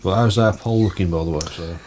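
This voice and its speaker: A man co-hosting a casual sports chat, talking rapidly and knowledgeably and often hedging his points. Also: low-pitched, a little mellow, a little hiss or hum. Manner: rapid, knowledgeable, hedges with "to be fair". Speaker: podcast co-host.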